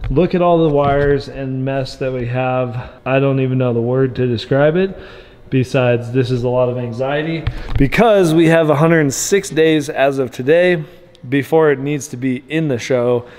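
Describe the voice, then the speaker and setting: A man's voice: medium pitch, normal speed, darkish tone. Rambling upbeat man in a reverberant garage. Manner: rambling and upbeat, with asides and restarts. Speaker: vlog host documenting a truck build. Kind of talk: casual video diary.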